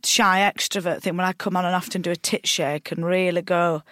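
A woman comedian chatting casually on a podcast, agreeable and quick to add "isn't it". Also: lowish voice, little pitch movement, a bit bright, dry recording, studio quality. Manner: chatty, agreeable, frequent tag questions. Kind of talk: casual chat.

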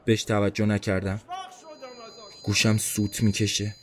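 A man's voice: lowish voice, completely flat delivery, a little hiss or hum. A man narrating a first-person story for a podcast he writes, in a tense, introspective inner-monologue manner.

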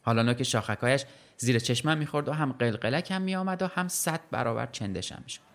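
A man's voice: mid-range voice, fairly bright tone. Man reading a short story. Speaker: story reader.

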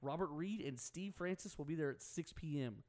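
A young man hosts a local sports radio show in a casual, joking way. His voice sits a little high for a man, and he drifts into banter and asides. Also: lively intonation, moderate pace, darkish tone. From Houston area, Texas.

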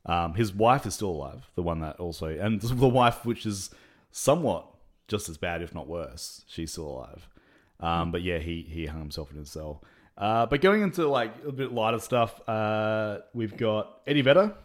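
A man with a very low voice chats loosely on a podcast, full of fillers and stray chuckles. He rambles from point to point with a relaxed, unscripted feel. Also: normal speed. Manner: rambling, many fillers, laughs between points. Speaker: podcast co-host. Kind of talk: casual chat.

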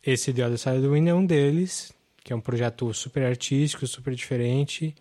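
A man's voice: mid-range voice, a little fast, warm tone. Guy hosting a film podcast, gets really into it, rambly with lots of "assim". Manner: enthusiastic, rambling, many fillers. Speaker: podcast host. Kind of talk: casual film chat.

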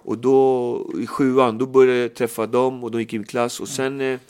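A man's voice: medium pitch, clear, resonant tone. A middle-aged man telling stories in a casual podcast chat, acting out the voices of people he quotes. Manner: animated storyteller, acts out quoted voices. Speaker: guest storyteller.

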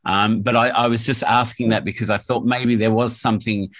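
A man's voice: lowish voice, fairly even intonation, fairly quick, a bit bright, no room sound. A man interviewing in a casual conversation, supportive and somewhat tentative as he puts his questions and thoughts. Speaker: podcast interviewer.

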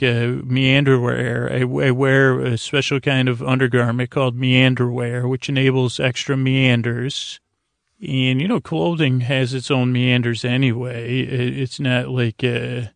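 This bedtime podcast host is a man with a gravelly, creaky voice whose pitch hardly shifts. His rambling monologue, meant to help listeners fall asleep, wanders haltingly in a lulling, soothing way. The recording is dry and close, with no room sound.

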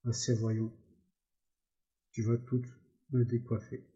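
A man's voice: on the low side, little pitch movement, a little slow, mellow, lo-fi sound, close to an everyday voice. A man voicing a vain, teasing young ranch wife. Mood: annoyed.

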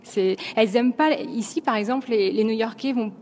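A woman's voice: a little high, a little fast, darkish tone, big-room sound, slight background noise. A French woman talking casually in an interview, with many fillers and restarts as she works out her thoughts. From France. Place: New York.

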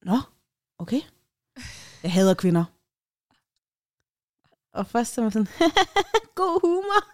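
A woman's voice: a little high, sing-song, dry recording, clean studio sound. A woman from Denmark, a podcast co-host, telling a story in casual chat and acting out the quotes of the people in it with changed voices.

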